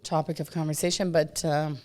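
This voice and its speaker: A woman's voice: sits low, flat delivery, fairly quick, mellow. A woman co-hosting a podcast in casual, giggly chat. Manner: giggly, chatty. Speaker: podcast co-host.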